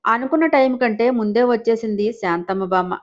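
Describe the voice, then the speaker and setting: A woman narrating a scripted audio story in an expressive way. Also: a little high, brisk, muffled recording.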